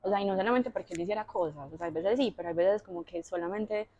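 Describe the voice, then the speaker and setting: A young woman with a Colombian accent talks fast as a podcast guest. She tells personal stories casually, lively and full of fillers, acting out her own thoughts as quotes. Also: mid-range voice, muffled recording, crowd noise. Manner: animated, with frequent fillers and quoted inner voices. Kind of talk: casual conversational storytelling.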